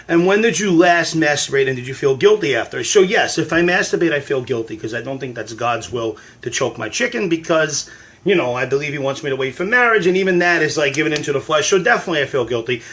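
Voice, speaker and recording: A man's voice: a little high, expressive, quick pace, a bit bright. A man hosting a casual livestream from his phone at home, rambling and self-deprecating while he cooks eggs and answers fan questions.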